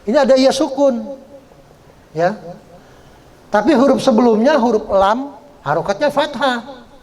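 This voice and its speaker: A man teaching Quran reading rules step by step, often tagging his sentences with "ya" and drawing out example words slowly. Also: extremely high pitch, darkish tone. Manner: explains step by step, often adds "ya"; draws out example words slowly when chanting them. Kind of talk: Quran recitation lesson. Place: study gathering hall.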